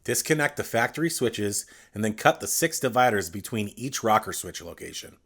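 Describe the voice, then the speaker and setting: A man with a fairly low, slightly bright voice narrates a scripted installation tutorial at normal speed. Animated and clear, he addresses the viewer directly and walks through each step in an instructional manner.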